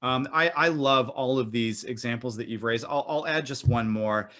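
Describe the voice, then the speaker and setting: A man's voice: mid-range voice, normal speed, fairly bright tone. A man in a mid-range voice guest-hosting a podcast panel. He moves the talk along with enthusiastic, easygoing energy. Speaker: guest host. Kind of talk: moderating a panel discussion.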